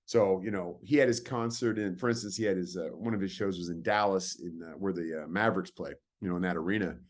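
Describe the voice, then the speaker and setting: Deep-voiced man telling stories as a guest. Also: fast. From California, USA. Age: 40s. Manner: rambling, with hesitant restarts. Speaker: podcast guest. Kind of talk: casual storytelling.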